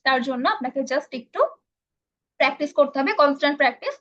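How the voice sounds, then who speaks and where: A woman's voice: high-pitched, animated, fast talker, a bit bright. Woman tutor answering viewer questions on a livestream, lots of fillers, throws in english phrases, muffled lo-fi audio. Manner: explanatory, with frequent fillers, mixing in English phrases. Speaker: English course instructor. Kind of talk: live online Q&A session. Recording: dull lo-fi stream audio.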